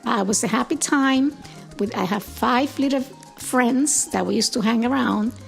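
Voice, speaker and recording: An older woman in her seventies with a deeply gravelly, creaky voice that sits a little high. She recalls her life unhurriedly, pausing now and then to find the words, with soft music faint behind her. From Puerto Rico. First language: Spanish. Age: 70s. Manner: gentle, unhurried, with thoughtful pauses and "uh"s. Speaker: interviewee, grandmother. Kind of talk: reflective storytelling.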